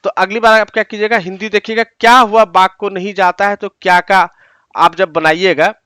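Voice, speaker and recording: A man's voice: high-pitched, fairly even intonation, sharp tone, clear, resonant tone, dry recording, clean studio sound. A man teaching an exam-prep lesson, explaining example sentences word by word and repeating his advice often. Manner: slows to spell out example sentences.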